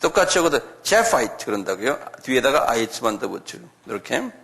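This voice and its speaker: A middle-aged man teaching a slow, step-by-step classroom Bible lecture, often asking the class to repeat words aloud. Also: medium pitch, very animated, creaky, a bit bright. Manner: chuckles, talks directly to students.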